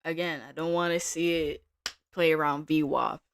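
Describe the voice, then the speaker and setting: A woman day trader giving casual live-stream commentary from her home desk, thinking aloud in a relaxed way with small restarts. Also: deep voice, normal speed, slight background noise.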